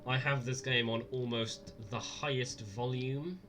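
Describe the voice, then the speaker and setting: A man's voice: medium pitch, fairly even intonation, a little slow, over music. A scared, nervous man giving live horror game commentary with dry sarcasm and frequent swearing.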